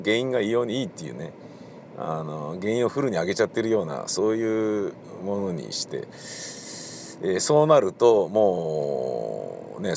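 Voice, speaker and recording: A middle-aged man, a radio host and theatre director, talks casually while driving, rambling with many fillers in a polite explaining tone. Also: deep voice. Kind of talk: casual solo talk recorded while driving. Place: in a car in city traffic. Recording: car and street noise behind.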